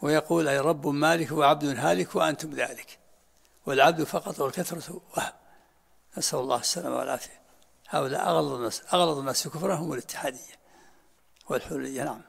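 Older sheikh teaching a lesson, gravelly husky voice, talks quick. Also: male voice, on the high side. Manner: explains in short repeated phrases, answers questions. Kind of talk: religious lesson with Q&A.

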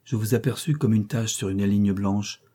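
A man voicing an anxious young woman governess in an audiobook reading of a classic novel, measured and solemn. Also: lowish voice, warm tone, slightly rough. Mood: troubled.

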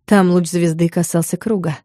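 A woman narrating a story in an even, measured way. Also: fairly low pitch, no room sound, clean studio sound. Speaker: audiobook narrator. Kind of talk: scripted narration.

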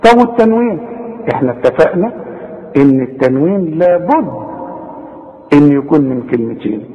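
A man with an Egyptian accent teaching Tajweed step by step, asking the listener questions and slowly chanting the example words. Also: fairly high pitch, animated. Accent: Egyptian Arabic. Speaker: Quran recitation teacher. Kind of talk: Tajweed lesson. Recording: echoey, dull old cassette recording.

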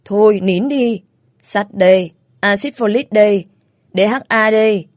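A woman reading a story voices an older future mother-in-law who is brisk, practical and scolds kindly. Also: mid-range voice, a little mellow, no room sound, studio quality, close to an everyday voice. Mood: fussing.

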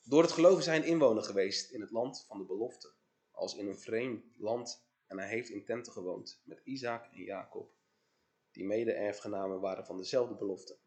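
A man giving a solemn scripture reading in a congregation, measured and deliberate, lifting his voice on key phrases. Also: lowish voice, a little mellow.

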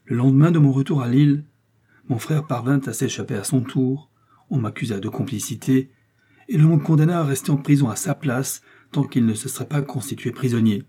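A man playing a stern, solemn male executioner who tells his story gravely in an audiobook. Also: medium pitch, warm tone, pitched above the performer's own voice, close to an everyday voice. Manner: grave and measured.

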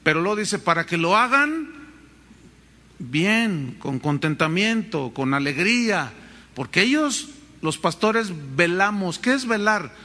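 A pastor preaches with a high, bright, ringing voice. He swings his pitch widely as he tells animated stories and acts out voices. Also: unhurried. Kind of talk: sermon.

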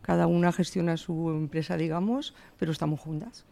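This woman, a sixty-something shopkeeper from Spain's Valencia region, responds to an interviewer with earnest emphasis and repeats things she herself has said. She speaks briskly in a lowish, mellow voice with some vocal fry.

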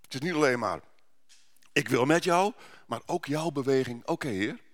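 A man's voice: mid-range voice, expressive, moderate pace. A male pastor giving a sermon at a church service, conversational, with rhetorical questions and frequent restarts.

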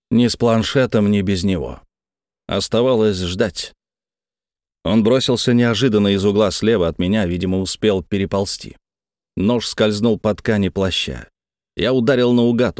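A man narrating a first-person thriller audiobook in a tense, measured way. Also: lowish voice, a little mellow, dry recording, clean studio sound.

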